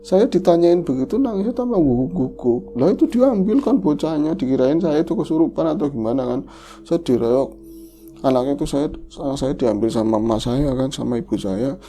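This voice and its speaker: A man's voice: on the high side, fairly quick, dark tone, faint music behind. A man hosting a horror podcast, emotionally retelling a listener's tragic story in the first person.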